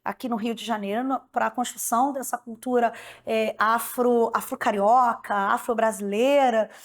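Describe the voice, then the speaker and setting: A woman giving a documentary interview, speaking deliberately and hesitating, often repeating words. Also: fairly high pitch, fairly even intonation.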